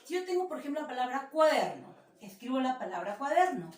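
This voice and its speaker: A woman teacher with a Peruvian Spanish accent giving a class lesson, patient and explanatory, repeating example words slowly. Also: high voice, sing-song, a little mellow. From Peru. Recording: echoey room, voice from a distance.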